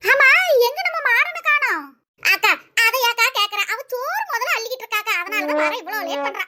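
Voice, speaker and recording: A woman voicing several teasing, scolding village women in an animated comedy. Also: extremely high pitch, a little fast, very noisy. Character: nosy teasing village women at a wedding feast.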